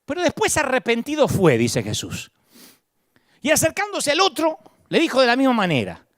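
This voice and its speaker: A middle-aged man with an Argentine Spanish accent preaches a sermon with passion and flashes of humor. His voice sits high and leaps through a wide, animated range. The sound is close and dry, with no room around it. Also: moderate pace, no room sound. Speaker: pastor.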